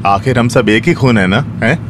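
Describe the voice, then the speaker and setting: A man's voice: mid-range voice, moderate pace, background noise, lightly acted. A man voicing a departing emigrant, teasing. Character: man in his forties leaving home to work abroad. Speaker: dubbing actor. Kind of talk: Hindi film dubbing.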